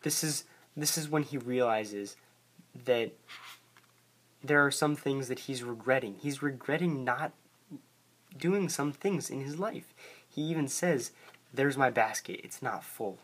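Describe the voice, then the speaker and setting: An excitable young man talks about poetry with eager energy, stumbling and restarting as the ideas come. His voice is husky and sits at a middle pitch. He reads aloud in a quieter, lower tone. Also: unhurried, pauses often. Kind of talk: casual talk and poetry reading.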